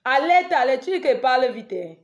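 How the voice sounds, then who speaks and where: A woman hosting a live stream who chants repeated rallying calls, shouts out viewers' names and makes scolding, emphatic asides. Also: high-pitched, big pitch swings, fairly quick.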